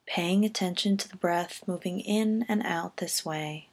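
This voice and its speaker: Reading a scripted body scan meditation, a woman speaks in a fairly low voice with a breathy edge. She sounds calm, gentle and measured, and her phrases trail off softly at the end.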